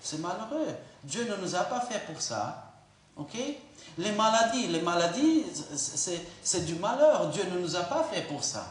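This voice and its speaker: A man from Brazil preaching a sermon in a church, animated and acting out quoted voices. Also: sits high, unhurried. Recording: echoey church hall.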